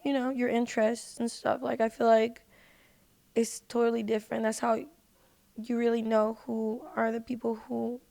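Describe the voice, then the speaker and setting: During a podcast recording, a female guest talks in a relaxed, slangy way, filling her speech with frequent "like"s. She speaks at normal speed with a somewhat high, creaky, dark-toned voice that shows little pitch movement.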